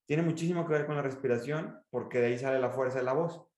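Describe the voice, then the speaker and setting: A man with a Mexican accent, a speaking coach who gives advice and acts out his examples in an expressive way during a podcast interview. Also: quick pace, reverberant. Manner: expressive, demonstrates pitch and emphasis.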